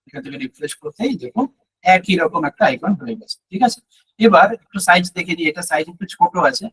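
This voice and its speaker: A man leads a live web design class in a fairly high, husky voice that has gone a little hoarse from long talking. He walks through each step patiently and keeps checking that his listeners are with him. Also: fairly bright tone, poor audio. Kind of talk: live screen-share tutorial.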